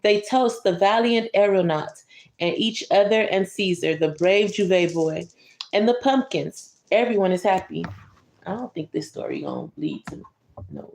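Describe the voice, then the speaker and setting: A woman with a medium-pitched, sing-song voice reads a picture book to a child at normal speed, with some vocal fry and a slightly mellow quality in a roomy space. She reads it as a bedtime story, stopping for casual, conversational asides that explain the pictures and comment to her young listener.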